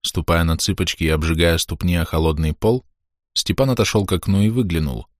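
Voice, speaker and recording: Male audiobook narrator, very low voice, measured delivery, dry close sound. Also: no room sound. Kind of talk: scripted narration.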